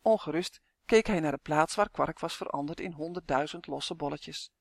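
A lively narrator reads a children's fantasy storybook script in an expressive, gravelly voice at middle pitch and a moderate pace. The recording is dry and close, with no room sound.

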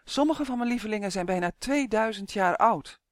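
A grave, dreamy forest spirit with a soft rustling voice, fond of his trees, as a man voices him in a storybook. Slightly high for a man, close and dry. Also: expressive, fairly quick, no room sound. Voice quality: rustling, soft like birch leaves.

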